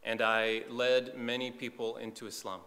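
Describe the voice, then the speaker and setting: A visiting preacher from eastern Saudi Arabia gives a sermon testimony in short phrases so an interpreter can follow. His mid-range voice is pushed and bright, with a level tone and moderate pace, and the hall around him has a long reverb.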